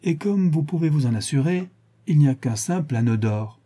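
A man voicing a stubborn, proud male police inspector who speaks insistently and sententiously, with a husky timbre. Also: fairly high pitch, lively intonation, normal speed, mellow, pitched above the performer's own voice.

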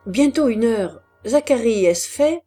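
A woman's voice: on the high side, animated, measured pace, warm tone, soft background music, pitched above the performer's own voice. A woman voicing a cautious older miner, stern. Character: placid, cautious older male miner foreman.

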